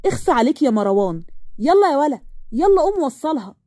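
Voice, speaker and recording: A woman's voice: on the high side, lively intonation, fast talker, warm tone, no room sound, studio quality. A woman voicing a coaxing, affectionate middle-aged mother with an Egyptian accent.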